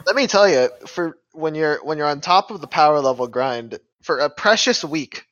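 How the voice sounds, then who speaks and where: A man's voice: on the high side, animated, normal speed, a bit bright, no room sound. A man chatting casually about a video game, laughing often, rambling and correcting himself. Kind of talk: casual gaming chat. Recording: slightly muffled dry mic.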